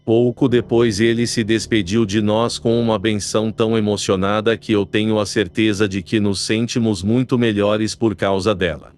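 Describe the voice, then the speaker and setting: A man with a lowish voice narrates an audiobook, delivering scripted narration in a measured, even storytelling manner.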